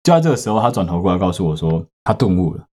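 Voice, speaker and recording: A man with a Taiwanese Mandarin accent tells a story in a low, deep voice. He talks casually as a podcast host, cursing freely and breaking into loud outbursts. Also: sing-song, rapid-fire. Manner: profane, with sudden loud outbursts.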